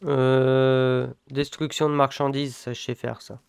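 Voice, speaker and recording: A man's voice: mid-range voice, flat delivery, measured pace, gravelly, clear, resonant tone, no echo. A man co-hosting a gaming video, casually commenting on play while chatting with a friend.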